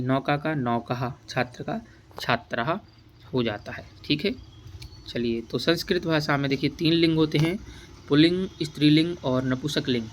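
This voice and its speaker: A man at a middle pitch teaching a children's lesson. He repeats each word aloud and asks quick questions as he goes. A faint hiss of noise sits under the recording. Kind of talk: classroom lesson walkthrough.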